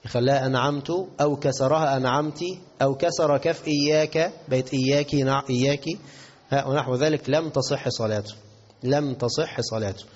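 An Egyptian man giving a religious lesson in a mosque, reciting slowly and carefully, then explaining in quick asides. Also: medium pitch, a little mellow. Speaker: mosque teacher. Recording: dull lo-fi lecture recording.

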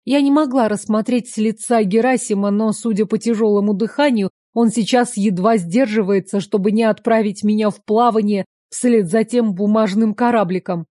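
A woman reading a first-person story aloud in a lively, confiding storytelling manner. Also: medium pitch, normal speed, hardly any pauses, dry recording, studio quality. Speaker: story reader. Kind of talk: first-person scripted narration.

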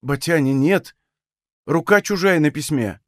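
Frightened young peasant daughter, breathless and pitched high, put on by a male reader. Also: dry recording, clean studio sound, natural voice. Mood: hurried. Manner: hurried, breathless.

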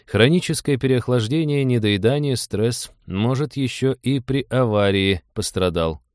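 A man's voice: mid-range voice, measured pace, dry recording, clean studio sound, voice pushed up, close to an everyday voice. A man reading as a thoughtful, dryly kind male ship's doctor in an audiobook. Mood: musing. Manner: musing.

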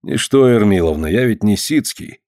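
A proud, hot-tempered boyar lord of old Russia, as a male reader does him, grave and archaic in his speech. The voice is low-toned and mellow. It sounds dry and close to the mic. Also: expressive, moderate pace, dry recording, lightly acted. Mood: indignant. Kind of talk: audiobook reading.

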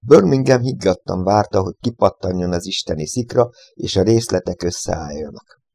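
A male audiobook narrator with a low, gravelly voice and a dark, mellow tone. His reading is expressive, with a lively pitch. The sound is dry and close to the mic. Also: dry recording. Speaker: audiobook reader.

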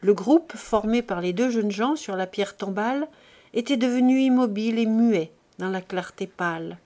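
A woman reads a classic novel aloud as an audiobook narrator, in a measured, expressive way. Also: medium pitch.

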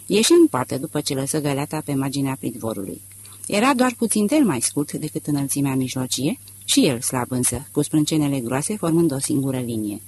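A man reading a literary audiobook aloud in a measured, expressive narration. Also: mid-range voice, slight background noise. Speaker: audiobook reader.

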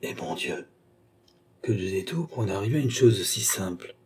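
A man reading an audiobook, voicing a proud, tired count who speaks with calm, disdainful haughtiness. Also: mid-range voice, normal speed, husky, lightly acted. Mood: impatient.

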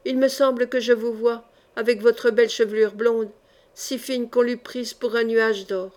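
A tormented, half-mad mother, read by a woman with a fairly high voice. She speaks in broken, halting outbursts, circling back on her own words. It sounds like an audiobook recording. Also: fairly even intonation, a little mellow, close to an everyday voice. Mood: haunted.

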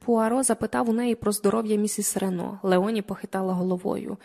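A woman narrating a detective novel as an audiobook reader, in measured storytelling. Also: medium pitch, little pitch movement, vocal fry, warm tone.

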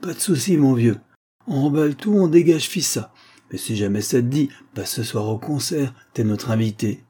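A man's voice: mid-range voice, moderate pace, mellow, breathy edge, pitched above the performer's own voice, close to an everyday voice. A man voicing a laid-back young male raver who talks in casual slang. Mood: placating.

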